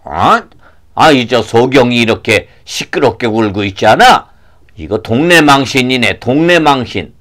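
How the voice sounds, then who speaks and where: A man's voice: medium pitch, animated, a little slow, a bit bright, pitched below the performer's own voice. A man voicing a grumpy, scolding townsman in a children's puppet show. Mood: annoyed. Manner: scolding, gruff.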